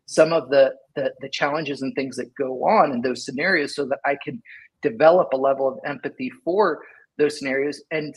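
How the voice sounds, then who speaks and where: This interview guest is a middle-aged man from Sacramento, California, an engineering leader with a mid-range, breathy voice who speaks at normal speed. His casual talk rambles, full of "like" and "right?" asides as he thinks aloud, and the recording is rough.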